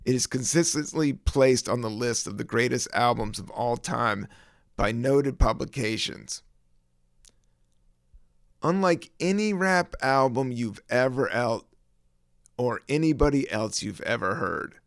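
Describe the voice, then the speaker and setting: A man's voice: medium pitch, animated, measured pace, vocal fry, no echo, studio quality. A man hosting his own podcast in a rambling, laid-back chat full of fillers. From American South. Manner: rambling, laid-back, many fillers, laughs and sings snippets. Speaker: podcast host. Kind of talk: casual solo podcast chat.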